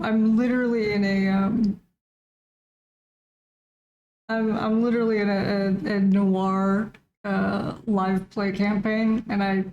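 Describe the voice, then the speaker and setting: A woman's voice: mid-range voice, darkish tone, slight background noise. A woman streaming a game live, joking casually and reading its lines aloud in a plain voice.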